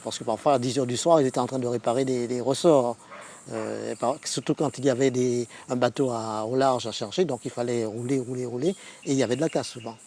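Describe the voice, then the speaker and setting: A man's voice: mid-range voice, fairly even intonation, fast talker, a little mellow, a little hiss or hum. A man giving spoken testimony in a hesitant way, repeating words as he goes. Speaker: interviewee.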